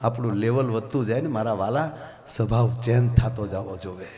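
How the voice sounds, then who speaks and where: A man's voice: moderate pace, dark tone. A man with a Gujarati accent telling a folk story on stage, acting out the characters with dramatic swings in his voice. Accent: Gujarati, Saurashtra. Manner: dramatic storyteller who acts out characters, big pitch swings. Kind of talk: live dayro storytelling to an audience. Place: live stage program.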